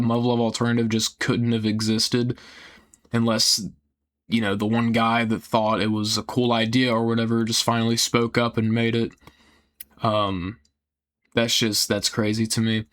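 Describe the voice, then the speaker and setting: A young man talking casually and earnestly in a rambling, halting way that often trails off, with some casual swearing. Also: mid-range voice, fairly bright tone. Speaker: video creator. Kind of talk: casual rambling personal talk.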